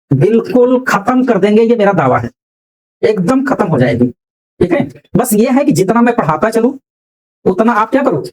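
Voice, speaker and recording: A man's voice: high voice, poor audio. A man teaching English pronunciation in a classroom, often asking the class questions and repeating their answers. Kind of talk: classroom lecture.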